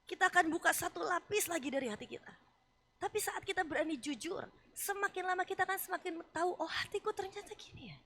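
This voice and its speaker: High bright-voiced woman pastor preaching. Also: fast talker. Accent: Indonesian. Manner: animated, acts out voices of Job and God; conversational, casual asides. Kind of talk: sermon.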